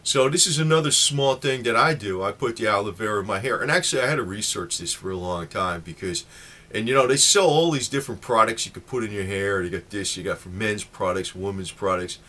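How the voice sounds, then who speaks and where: Man, late fifties, bright voice, casual rambling talk, lots of fillers. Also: on the low side, brisk. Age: 50s. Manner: rambling, chatty, many fillers. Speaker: vlogger.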